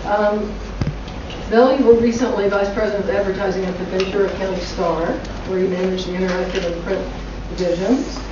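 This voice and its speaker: This forum host, a middle-aged school director, brings on guests with chatty side remarks in a brisk, steady-toned, medium-pitched voice. The far room camera mic captures her from across the conference room, leaving the sound echoey, noisy and dull lo-fi.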